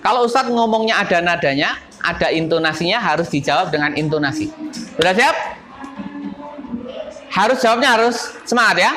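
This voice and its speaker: A man teaching a school class, leading it through word games and lively call-and-response chants. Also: sits high, a little fast, pauses often, slight background noise.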